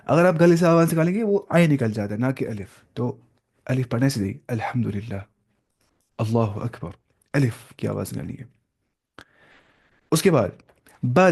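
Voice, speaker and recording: A young man gives a relaxed classroom lesson on recitation. He explains step by step, asks his listeners questions and sounds out each letter to show how it should be said. His pitch sits in an ordinary middle range. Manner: explains step by step with questions and demonstrations, mixing in English words. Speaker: Quran recitation teacher.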